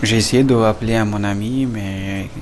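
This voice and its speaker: Halting man with a low voice. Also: steady tone, noisy background. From Afghanistan. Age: 30s. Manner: halting, searching for words in French. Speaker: interviewee recounting his migration. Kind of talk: documentary testimony.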